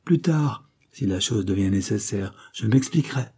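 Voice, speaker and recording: A man reading the part of an indignant old Breton nobleman uncle in a storybook, with an emphatic, scolding delivery and a low, husky voice. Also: animated, moderate pace, dark tone.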